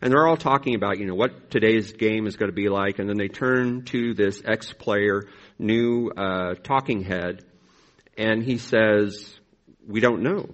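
A man preaching a conversational, reflective sermon in an informal, halting way, with slightly impeded articulation from braces. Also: on the low side. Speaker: pastor preaching.

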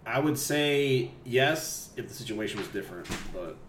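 Laid-back man with a lively voice, echoey room. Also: medium pitch, moderate pace, a crowd in the background. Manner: laid-back, laughs often, says "dude". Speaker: podcast co-host. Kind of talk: casual chat.

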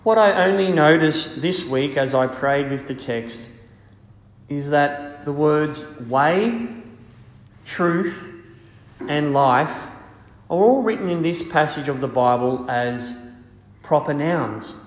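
Aussie priest guy preaching, slightly high voice, really slow and solemn, big cathedral echo. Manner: solemn, measured, deliberate phrasing. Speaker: priest reading the gospel and preaching. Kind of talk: liturgical reading and homily. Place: large reverberant church. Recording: echoey church with long cathedral-like reverb.

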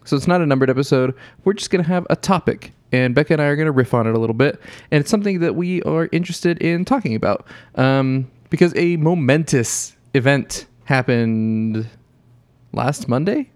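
A man hosting a podcast, bantering playfully and teasing his co-host with quick intros. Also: medium pitch, lively intonation, darkish tone, no echo. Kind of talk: casual banter.

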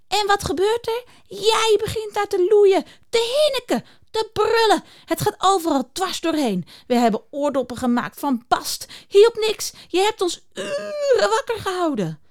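A woman's voice: extremely high pitch, sing-song, normal speed, voice pushed up, heavily acted. A woman voicing an indignant male beaver, a tired father who shrieks his complaints. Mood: furious.

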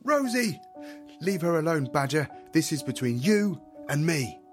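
A man's voice: fairly high pitch, very animated, a little slow, faint music behind. A man voicing a cheerful young male cheese superhero who talks in an upbeat, encouraging way.

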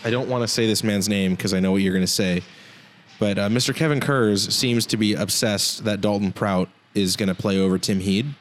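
A man co-hosting a casual hockey podcast, joking and rambling with quick asides. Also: fairly low pitch, fairly even intonation, a little hiss or hum. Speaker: podcast co-host.

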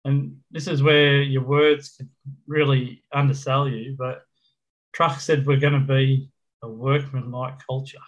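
A man's voice: mid-range voice, flat delivery, measured pace. A middle-aged Australian man chatting casually about football as a fan co-host, talking in a blokey, slangy manner like an Aussie tradesman. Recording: dull lo-fi voice channel.

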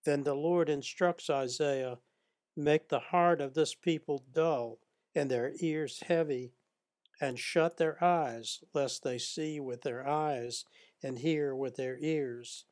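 A man narrates a Bible study lesson, reading each scripture passage in a measured, even way. His pacing is unhurried and deliberate, and his voice sits at an ordinary middle pitch.

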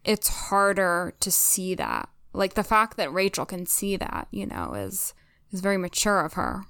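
A woman talks through a TV episode in a relaxed, reflective way, filling her speech with "like." Her voice is smooth and clear at a middle pitch. The recording is close and dry. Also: unhurried, no echo. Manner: conversational and reflective, many "like"s. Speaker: podcast co-host. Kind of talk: casual discussion of a TV episode.

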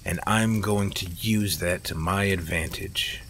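A man's voice: deep voice, measured pace, a bit bright, slight background noise. A man voicing a ruthless, greedy ringleader who talks in a cold, calculating way. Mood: scheming.

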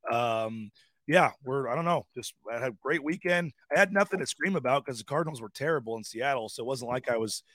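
A man with a hoarse voice hosting a live sports talk show, talking with many fillers and restarts. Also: medium pitch, brisk, fairly bright tone, no room sound, studio quality.

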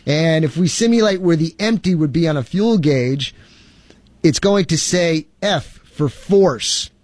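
A man's voice: fairly high pitch, unhurried, darkish tone, no room sound. Man lecturing on force laws. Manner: reads statutes aloud with asides. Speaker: instructor. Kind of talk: instructional lecture with legal readings. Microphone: facing camera.

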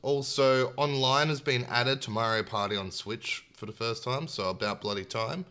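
An Australian-accented man hosts a gaming podcast, chatting casually and joking through a news rundown in an informal style. His mid-range voice moves at a moderate pace and sounds pushed and bright, with a clear, resonant tone.

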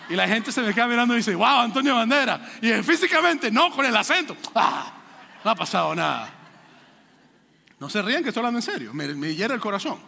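A man from Venezuela preaches with a high, bright voice that carries. He is animated and jokes with the congregation. The sound rings with the long reverb of a church hall. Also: fairly quick, gravelly, slight background noise. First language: Spanish. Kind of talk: sermon.

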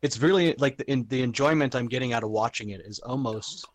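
A man's voice: mid-range voice, a little fast, no echo. A man co-hosting a casual podcast chat, enthusiastic and laid-back, using casual slang. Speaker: podcast co-host.

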